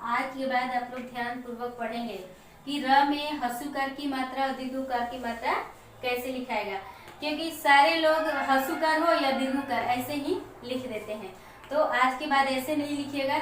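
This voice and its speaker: A woman teacher explaining a Hindi lesson to children slowly and step by step, with example words. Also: high-pitched, a bit bright. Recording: echoey room, mic far off, faint noise.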